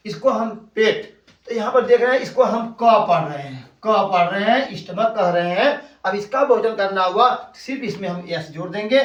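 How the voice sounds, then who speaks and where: A man teaching an English grammar lesson, explaining slowly and spelling words out letter by letter. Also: high voice, fairly bright tone, muffled recording. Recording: echoey room, voice from a distance.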